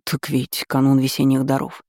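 A man's voice: medium pitch, monotone, moderate pace, a little mellow, no room sound, clean studio sound, lightly acted. Man voicing a polite young nature mage.

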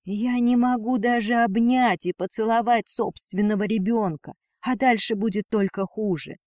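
Male narrator doing a defiant dragon mother, raised high voice, dry close sound. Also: moderate pace, darkish tone, dry recording, natural voice. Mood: desperate. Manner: pleading then defiant, raised voice. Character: fierce young mother dragoness, defiant and protective.

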